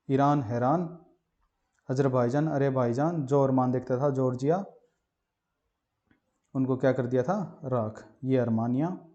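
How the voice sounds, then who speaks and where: A man's voice: medium pitch, mellow. A male teacher giving an exam-prep geography lesson. He teaches with memory stories, and he keeps asking questions and answering them himself. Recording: muffled lo-fi voice-over.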